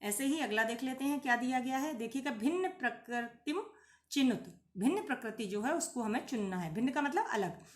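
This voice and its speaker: A woman teacher explains a textbook lesson patiently, asking questions and answering them herself, and recites word forms slowly. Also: on the high side, expressive, echoey room. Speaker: Sanskrit teacher.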